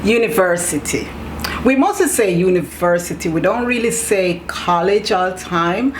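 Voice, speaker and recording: A woman's voice: on the low side, animated, normal speed. A woman from Jamaica with a Jamaican accent, hosting a casual video in a playfully argumentative, emphatic way. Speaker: video host. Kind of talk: casual bantering chat with partner. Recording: clearly noisy room background.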